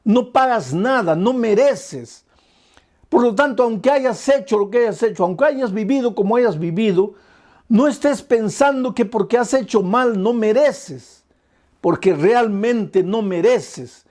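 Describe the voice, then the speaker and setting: A man's voice: high voice, expressive, measured pace, a little mellow. A male pastor delivering an earnest, pleading sermon full of repeated phrases.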